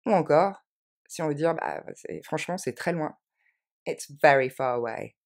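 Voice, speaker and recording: Lively woman teaching English. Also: low voice, vocal fry. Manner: slow, carefully articulated model phrases. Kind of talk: language lesson with repetition drills.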